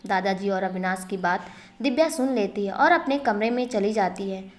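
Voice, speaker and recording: Brief: steady woman storyteller, mid-pitched, plain even reading. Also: normal speed. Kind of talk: storybook narration.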